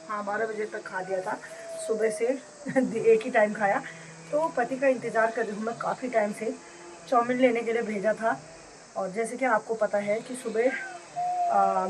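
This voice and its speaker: In this casual daily-routine vlog, a young woman from the hills of north India chats and laughs her way through her day at home, indoors and in the sun outside. She speaks on the high side, with slight background noise in a rough recording.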